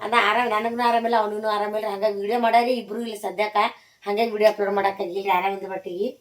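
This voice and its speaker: A woman's voice: medium pitch, flat delivery, rapid-fire. A middle-aged woman with a North Karnataka Kannada accent making brief, matter-of-fact remarks in casual family talk.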